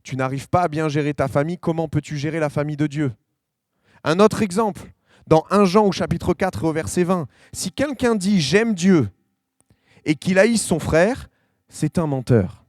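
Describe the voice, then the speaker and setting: A man preaching a sermon, talking to the congregation as tu and slowing to lean on each quoted verse. His voice sits on the high side for a man. The sound is dry and close, with little room echo. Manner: conversational preaching, addresses listeners with tu, frequent restarts; slows and stresses scripture quotes. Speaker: pastor. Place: church hall.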